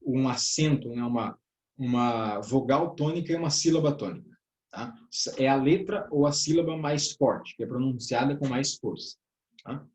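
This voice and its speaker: A man's voice: on the high side, a little mellow. Man teaching grammar in an echoey room. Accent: southern Brazilian Portuguese. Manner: explains step by step, often ending phrases with "tá?" and "né?"; addresses listeners as "irmãos". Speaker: teacher of a church workers' course. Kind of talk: classroom grammar lesson.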